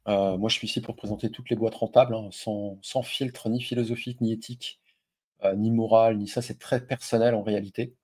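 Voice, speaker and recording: Speaking fairly quickly in a lowish, slightly mellow voice, the middle-aged French-speaking host keeps his delivery flat. His investing talk is an informal explainer full of fillers, aimed directly at the person watching.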